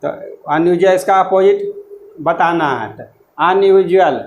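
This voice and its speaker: A man teaching an exam-prep lesson, explaining words slowly and spelling them out letter by letter, with loose, repetitive phrasing. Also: high voice, roomy sound, muffled recording.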